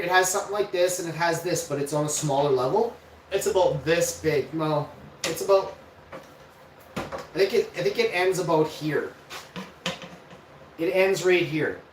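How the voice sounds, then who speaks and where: A man's voice: fairly high pitch, moderate pace, long pauses. Rambling man telling stories, far off. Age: 40s. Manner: rambling, profane, animated anecdote-telling. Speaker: vlogger host. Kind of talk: casual storytelling. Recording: roomy, distant mic, faint noise.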